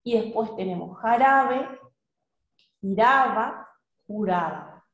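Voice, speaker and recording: A woman teacher going through examples in a recorded class, speaking in a measured way and asking her students questions. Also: mid-range voice, animated, muffled recording. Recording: echoey room.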